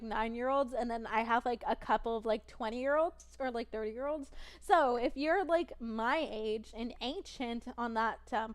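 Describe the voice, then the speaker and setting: A young adult woman rambles and giggles while casually chatting on stream. Her high, naturally soft voice sounds tired from long hours of streaming.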